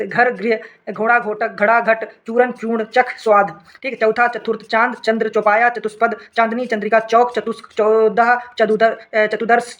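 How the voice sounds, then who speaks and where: A man's voice: sits high, fairly bright tone. Man rattling off word lists, lo-fi. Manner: rattles off word lists, often says "okay, friends". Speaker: exam prep teacher. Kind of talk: rapid revision lesson, reading word pairs.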